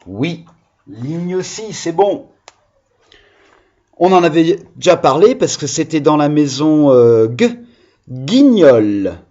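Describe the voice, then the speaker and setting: A man's voice: fairly high pitch, expressive, slow, pauses often, a little mellow, lo-fi sound. A male primary school teacher giving a video phonics lesson to young children, patiently sounding out syllables.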